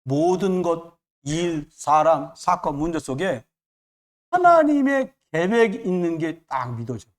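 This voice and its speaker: A man's voice: on the high side, sing-song, measured pace. A man preaching a sermon as pastor, emphatic and repetitive, with joking asides.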